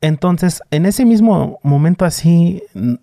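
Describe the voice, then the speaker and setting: Mexican man, twenties, mellow low-toned voice, dry close sound, rambling storyteller with lots of "este". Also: lively intonation, slow, creaky, no room sound. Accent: Mexican Spanish. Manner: many fillers, vivid retelling. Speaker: guest. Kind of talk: casual storytelling.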